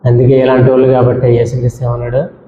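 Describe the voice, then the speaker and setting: A man's voice: mid-range voice, monotone, fast talker, slight background noise. A male pastor preaching a sermon, scolding his congregation with rhetorical questions and repeated lists. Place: church hall. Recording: dull echoey church hall with long reverb.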